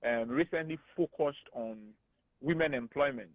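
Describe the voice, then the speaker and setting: A man with a Ghanaian English accent, speaking as a guest analyst on a radio talk show, animated and emphatic. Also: mid-range voice, moderate pace, dry recording. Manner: animated and emphatic, laughs often. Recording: tinny phone-like radio studio sound.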